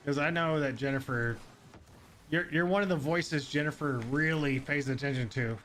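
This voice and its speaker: A man's voice: fairly high pitch, a bit bright, a little hiss or hum. Profane joking man gaming with a friend. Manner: profane, joking, quick to laugh. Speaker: gamer. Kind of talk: casual gaming chat. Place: Saint Louis.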